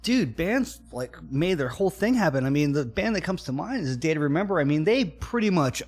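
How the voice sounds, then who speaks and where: Speaking a little fast with big swings in pitch, a middle-aged musician from Florida chats casually as a podcast guest in a slightly high, somewhat mellow voice. His storytelling is relaxed and peppered with "man" and "like."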